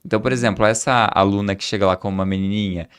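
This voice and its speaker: A man with a fairly low voice hosts a conversational podcast interview. He explains his clinical work and briefly imitates what his patients and students say. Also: fairly even intonation, racing, clean tone. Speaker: podcast host, aesthetics doctor.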